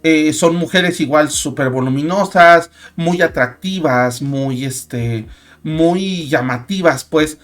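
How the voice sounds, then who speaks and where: A man's voice: on the high side, slow pace. Chatty Mexican man hosting a talk show. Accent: Mexican Spanish. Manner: chatty, many fillers and restarts. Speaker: host. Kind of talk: casual talk show monologue.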